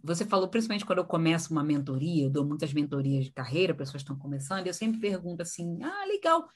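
A woman, a podcast host chatting casually and acting out lively voices when she quotes people. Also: deep voice, rapid-fire. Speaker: podcast host and event presenter. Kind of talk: casual conversation.

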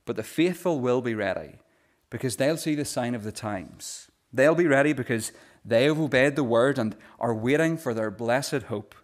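A man preaching a sermon in an earnest voice. He often repeats words as he starts a phrase, and he slows down when he reads scripture aloud. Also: mid-range voice. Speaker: pastor.

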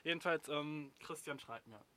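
Junger deutscher Mann, derb und locker. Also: male voice, a little high, moderate pace, a bit bright. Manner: blunt, slangy, mocking. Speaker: advice streamer reading viewer messages. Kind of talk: casual slangy chat.

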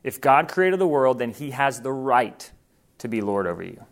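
A man who grew up in Thailand leads a missionary training session in an earnest, conversational way. He often restarts his sentences while he explains his points. His voice sits at an ordinary middle pitch. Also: very animated, moderate pace. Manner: earnest, informal, self-correcting.

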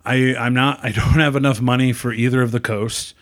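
A man's voice: medium pitch, steady tone, a little fast. A man in his thirties, a podcast guest, talking casually in a hesitant, rambling, joking way. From Michigan. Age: 30s. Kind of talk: casual conversation.

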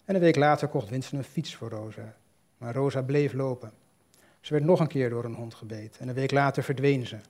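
A man calmly reading a literary short story aloud in a measured, storytelling way. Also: medium pitch. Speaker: reader. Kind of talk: scripted narration of a short story.

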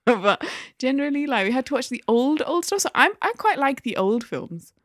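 A woman telling stories on a podcast, her pitch swinging up and down as she goes. The sound is close and dry, with no room around it. She laughs easily and keeps the chat casual. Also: normal speed, no room sound. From Newcastle, England. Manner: animated storytelling, laughing. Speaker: podcast co-host.

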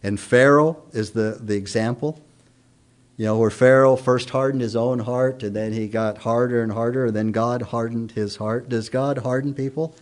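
A man preaching a sermon, stressing points by repeating phrases and slowing down on key lines. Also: mid-range voice, fairly even intonation. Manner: emphatic repetition, slows down for key points. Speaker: pastor.

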